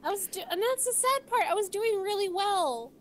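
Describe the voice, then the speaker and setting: A woman's voice: extremely high pitch, animated, moderate pace, faint music behind. A woman hosting a livestream, chatting casually and giggling as she plays. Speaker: livestream host. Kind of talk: casual gaming chat.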